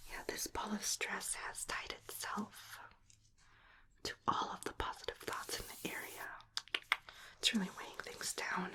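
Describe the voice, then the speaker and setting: Female ASMR performer for whispered role-play: breathy whisper, soothing and unhurried, very close on the mic. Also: mid-range voice, level tone, sharp tone, poor audio. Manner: soothing, unhurried, murmured asides. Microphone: close ear-to-ear stereo microphone.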